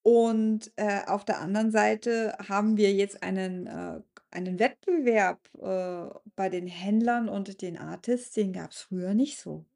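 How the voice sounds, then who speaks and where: A woman's voice: medium pitch, unhurried, gravelly, hardly any pauses, warm tone. A woman who is an artist and event organizer, speaking candidly in a casual podcast chat. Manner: candid, laughs easily, restarts often.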